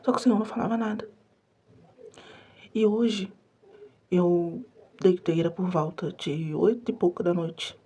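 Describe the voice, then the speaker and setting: A woman's voice: lowish voice, steady tone, measured pace, long pauses, mellow, slightly rough. A young Brazilian woman telling an earnest, emotional religious testimony at home at night, half-whispering so as not to wake her family. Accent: Brazilian Portuguese. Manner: earnest, emotional, repeats phrases for emphasis. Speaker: vlogger. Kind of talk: hushed late-night testimony vlog.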